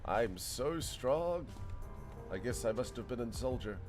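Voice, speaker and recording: This gameplay streamer keeps a measured pace, and his medium-pitched voice has lively intonation. He chats and rambles casually to viewers, laughing frequently and talking to chat while game music plays beneath him.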